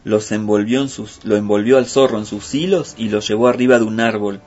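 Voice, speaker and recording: A man's voice: fairly low pitch, brisk, highs cut off. Man, folk tale storyteller, playful, faint music behind. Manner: lively, playful telling.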